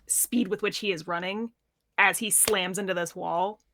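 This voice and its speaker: A woman's voice: medium pitch, steady tone, moderate pace, bright, forceful tone, a little hiss or hum. A woman playing in a tabletop game, thinking aloud and laying out her plan step by step. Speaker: player. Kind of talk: tabletop role-play chat.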